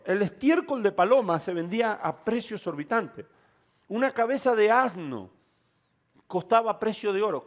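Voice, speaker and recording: High-voiced man preaching a sermon. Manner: dramatic storytelling, acting out quoted voices; calls out to the congregation. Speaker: pastor.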